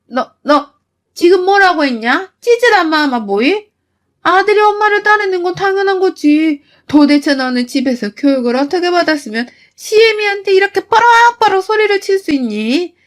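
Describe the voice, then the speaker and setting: A woman voicing a harsh, scolding mother-in-law in a storytelling narration, raising her voice into shrill insults. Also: expressive, measured pace, a bit bright, full character voice. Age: older. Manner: shrieking, insulting, cutting.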